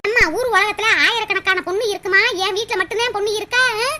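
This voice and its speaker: A woman voicing a proud, sharp-tongued village mother in a cartoon. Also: very high-pitched, fairly even intonation, very noisy. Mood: angry. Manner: scolding, haughty and rapid. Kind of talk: cartoon voice acting.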